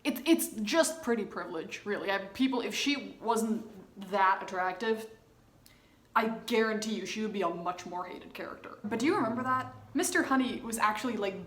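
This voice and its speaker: A woman's voice: medium pitch, normal speed. A young woman hosting a casual reaction video, chatty and opinionated as she comments on a TV episode. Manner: chatty, opinionated, bursts into laughter. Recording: roomy room with faint noise.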